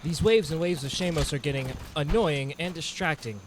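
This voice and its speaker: On the high side and at normal speed, this man recounts a monster-hunting game in the first person with dramatic storytelling flair, as a scripted adventure. The background is noisy, with music running behind the voice.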